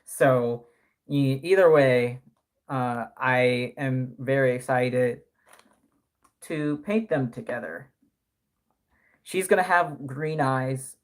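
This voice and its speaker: A man's voice: medium pitch, takes it slowly, pauses often. A man in his early twenties chatting casually on a live stream, rambling with many fillers and self-corrections. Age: early 20s. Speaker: live streamer and doll artist.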